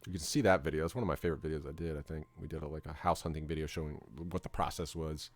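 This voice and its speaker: A man's voice: rumbling low, fairly even intonation, very fast. A middle-aged man from Florida chatting casually on a game stream, rambling with lots of restarts and fillers. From Florida, USA. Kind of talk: casual chat while gaming.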